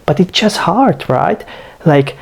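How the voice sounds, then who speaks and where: Speaking slowly and expressively with vocal fry, a man with a voice on the high side hosts a casual vlog. He's in his twenties, from Slovakia, talks English with a Slovak accent, feels a little unwell, and rambles with plenty of "like" and "you know."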